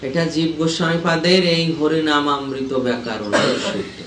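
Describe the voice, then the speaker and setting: Speaking at a normal speed with a fairly high, slightly bright voice, a man leads a scripture class, patiently explaining, going over key points again and making sure everyone understands. There's slight background noise, and the echoey room carries a faint ambience.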